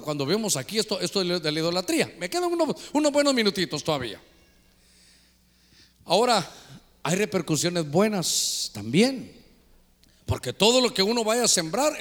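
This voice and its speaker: A man's voice: sits high, fairly bright tone. An older man preaching a sermon as pastor, telling stories and calling the listeners brother.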